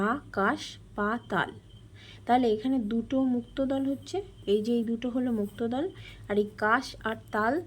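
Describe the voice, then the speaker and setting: A woman's voice: fairly high pitch, a little mellow, slightly rough. Woman teaching a grammar lesson. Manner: explains step by step, often asking and answering questions.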